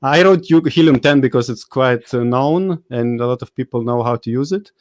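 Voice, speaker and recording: A man's voice: mid-range voice, normal speed, a little mellow, no room sound. A Lithuanian man hosts a live online session in a casual, joking way. He hesitates often, fills gaps with "uh" and laughs at himself. His voice sits in a middle range and sounds dry and close to the mic. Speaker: host. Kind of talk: casual live webinar chat.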